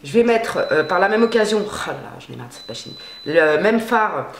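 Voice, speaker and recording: A woman's voice: lowish voice, very animated, a little fast, a little hiss or hum. A woman beauty vlogger chatting casually and gushingly through a makeup tutorial, full of slang. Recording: roomy echo.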